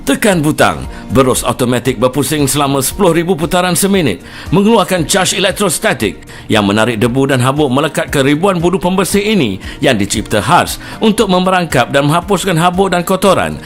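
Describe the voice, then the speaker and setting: A man's voice: fairly high pitch, big pitch swings, brisk, soft background music. A man with a Malaysian accent delivering an emphatic, promotional infomercial voice-over as a home-shopping announcer.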